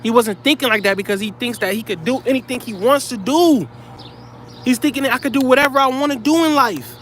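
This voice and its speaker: A man's voice: very high-pitched, fairly quick, fairly bright tone, a little hiss or hum. A man delivering heated, profane commentary straight to his viewers, blunt and scolding.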